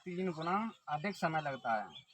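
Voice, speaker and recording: A man's voice: on the high side, animated, unhurried, fairly bright tone. A man teaching an exam-prep lesson who asks questions and answers them himself, stretching words out to show calling someone. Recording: outdoor noise with birdsong.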